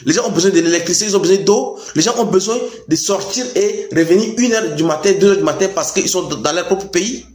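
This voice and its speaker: High-pitched man in an echoey room, emphatic commentary. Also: fairly quick, few pauses, a little mellow. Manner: emphatic, repeats phrases for stress. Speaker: political commentator addressing youth. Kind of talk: impassioned informal political commentary.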